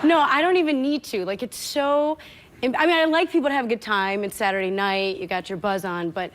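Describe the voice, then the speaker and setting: A woman's voice: a little high, fairly quick, a little hiss or hum. A woman appearing as an actress guest on a talk show, giggly and playful in banter. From Mexican and Puerto Rican family.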